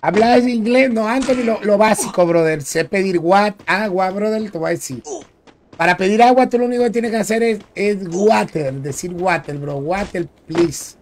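A man's voice: sits high, normal speed, a little hiss or hum. A young man, streaming a game and joking with his viewers in casual chat. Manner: chatty, joking, reads and answers viewers. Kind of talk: casual live-stream chat while playing.

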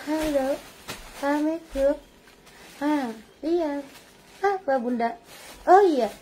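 A woman's voice: sits high, slow, mellow, slight background noise. Terse young female shop admin on the phone, clipped phrases, no frills, as a woman imitates her. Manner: short, clipped phone answers.

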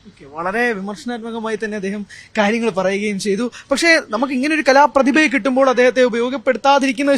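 A man working as a TV news reporter, asking brisk questions in an interview. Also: very high voice.

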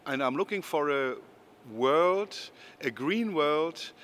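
A man from Germany, a conference participant speaking slowly and haltingly into a handheld mic in a hall. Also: a little high, expressive, a bit bright. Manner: slow, halting. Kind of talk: short on-camera statement. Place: conference hall, green screen. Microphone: handheld mic held close.

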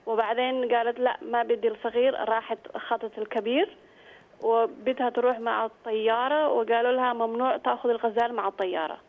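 Quick, halting woman calling in. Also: a little high, fairly even intonation, phone-quality sound. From Netherlands. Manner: halting, searching for words in broken Arabic. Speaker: phone-in caller. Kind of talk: casual recounting. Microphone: telephone.

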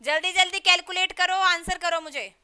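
A woman teaching an English literature class online, quizzing students and pushing them to answer quickly. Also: very high voice, steady tone, pushed and bright.

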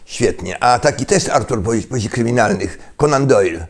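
An older man giving a lecturing monologue, halting with fillers and restarts and tossing in rhetorical questions. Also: medium pitch, expressive. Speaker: political commentator.

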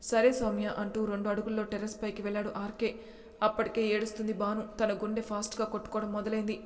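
A woman tells a story in a steady, level voice with very little rise and fall. Her words ring out with a long, lingering reverb, as if read in a hall. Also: mid-range voice, fast talker. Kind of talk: storybook narration.

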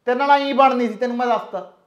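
A man's voice: high-pitched, fast, a bit bright, highs cut off. A man playing a callous greedy son-in-law. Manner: dismissive, pushy. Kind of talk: village short film acting.

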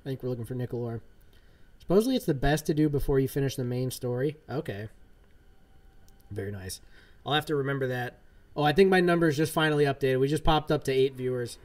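A man in his thirties, a livestream gamer, chats casually from his home gaming room while he plays. His medium-pitched voice moves fast, and he rambles in a laid-back way, using lots of fillers.

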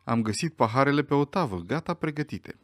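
A man reading an audiobook voices a breezy young gentleman who speaks casually. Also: mid-range voice, expressive, no echo, pitched above the performer's own voice, lightly acted.

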